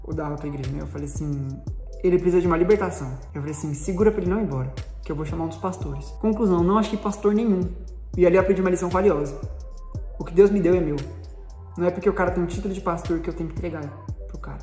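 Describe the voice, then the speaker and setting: A man's voice: high-pitched, rapid-fire, mellow. A man with a Brazilian accent giving a personal faith testimony in a casual, slangy storytelling way, acting out the dialogue. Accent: Brazilian Portuguese. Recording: roomy echo with long reverb, faint background music.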